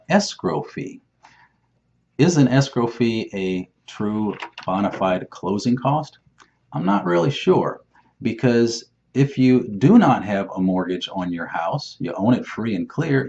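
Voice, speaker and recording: Offering advice as a mortgage lender, a man with a lowish, somewhat mellow voice speaks plainly and with emphasis, frequently posing his own questions and then answering them. It's an informal explainer captured in muffled, dull lo-fi audio.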